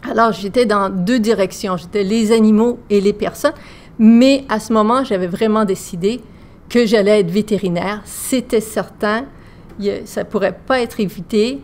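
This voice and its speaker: A woman's voice: mid-range voice, normal speed, darkish tone. A woman teacher with a Québécois accent, telling self-deprecating, humorous anecdotes in a casual podcast.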